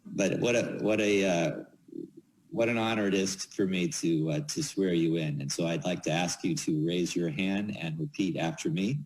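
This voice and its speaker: A man giving informal ceremonial remarks as an official, halting and repeating words as he goes. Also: deep voice, steady tone, darkish tone, rough recording. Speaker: official speaking at swearing-in ceremony.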